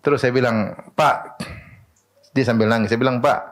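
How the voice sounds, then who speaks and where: A man preaching a sermon in an animated way, asking rhetorical questions and answering them himself. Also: medium pitch, normal speed.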